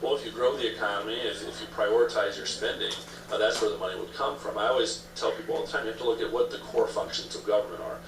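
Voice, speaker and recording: A man's voice: fairly low pitch, fast, few pauses. A man answering interview questions as a political candidate, emphatic and repeating phrases as he lays out talking points. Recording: echoey room, distant mic, noisy background.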